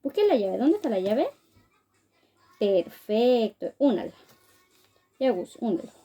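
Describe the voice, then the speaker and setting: A woman's voice: on the high side, very animated, measured pace, mellow, breathy edge, soft background music. A woman teaching a phonics lesson to small children, sounding out words syllable by syllable and praising them often. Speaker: preschool teacher.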